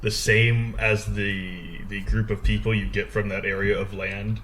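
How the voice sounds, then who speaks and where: Relaxed lower-voiced man co-host explaining in casual chat, faint hiss. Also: a little slow, low-quality recording. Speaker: podcast co-host.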